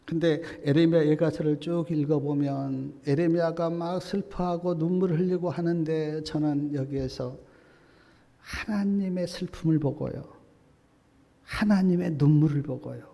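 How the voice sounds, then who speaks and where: A man, a pastor, preaching a sermon that swings between hushed speech and loud, fervent passages. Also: a little high, fairly even intonation, a little slow, creaky. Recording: long reverb of a church hall.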